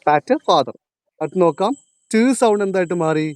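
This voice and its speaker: A male teacher, lecturing in a classroom, quizzing his students and repeating each point, slowing down on key terms. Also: high-pitched, expressive, darkish tone, no echo.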